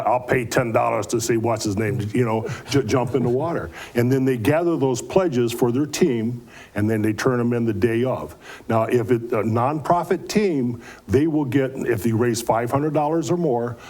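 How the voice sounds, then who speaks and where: A man with a warm, mid-range voice answers interview questions as a club event organizer. He explains things in a folksy, earnest way, repeating words.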